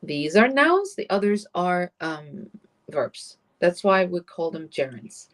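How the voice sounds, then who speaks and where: A woman's voice: lowish voice, very animated, extremely slow. A woman teaching a live online Arabic class, explaining grammar patiently and switching between English and Arabic. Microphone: computer mic on a live stream.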